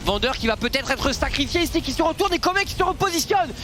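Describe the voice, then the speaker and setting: A man casting an esports match as excited, animated play-by-play with rapid, building calls. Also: very high-pitched. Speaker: esports caster.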